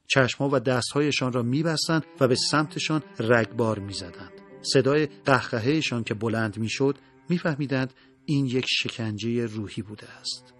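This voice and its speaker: A man narrating a dramatic story in a solemn, measured way. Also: medium pitch.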